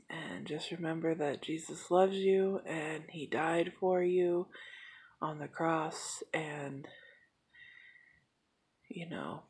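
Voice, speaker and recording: A woman in her late twenties talking through a personal vlog update, emotional and halting, with many fillers. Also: low-pitched, gravelly, a little mellow, breathy edge. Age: 20s. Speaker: vlogger.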